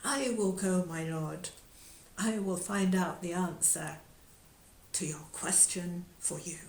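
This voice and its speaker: A woman's voice: on the low side, level tone, a little slow, roomy sound, a little hiss or hum. A woman voicing a handsome young male knight in a storytelling talk, eager and bold.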